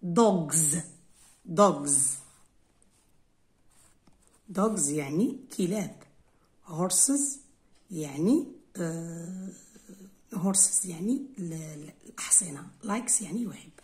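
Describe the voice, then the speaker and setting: A woman's voice: fairly low pitch, animated, normal speed, mellow. A woman English teacher with an Algerian Arabic accent, going through an exam correction step by step and switching between Arabic and English.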